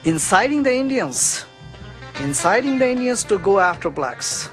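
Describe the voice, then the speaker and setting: A man's voice: high-pitched, very animated, normal speed, a bit bright, soft background music. A man giving an interview as a researcher, speaking in an earnest, accusatory way.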